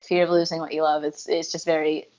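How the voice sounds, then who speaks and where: A woman with a fairly low voice co-hosts a podcast, talking in an eager, rambling way and often restarting mid-sentence. Her voice comes through a dull, lo-fi recording. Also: flat delivery, fast, darkish tone. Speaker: podcast co-host. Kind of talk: casual podcast chat.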